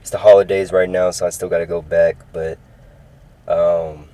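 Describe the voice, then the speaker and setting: Deep-voiced young man hosting a sports podcast. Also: flat delivery, moderate pace, dark tone, rough recording. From California. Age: 20s. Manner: upbeat, rambling, repeats himself. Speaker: podcast host. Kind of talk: casual solo sports podcast.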